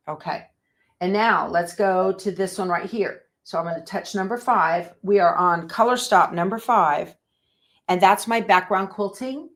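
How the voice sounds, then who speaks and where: Woman, embroidery instructor, live-stream demo, chatty, thinks aloud. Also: on the low side. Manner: chatty, thinks aloud, reads viewer comments. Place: sewing room.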